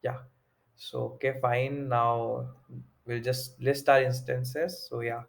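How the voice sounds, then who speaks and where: Man, North Indian accent, young adult, informal software walkthrough, little pitch variation, hesitant thinking-aloud delivery. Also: little pitch movement, creaky. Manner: halting, thinking aloud while working. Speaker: tutorial presenter. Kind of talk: informal screen-recorded tech walkthrough.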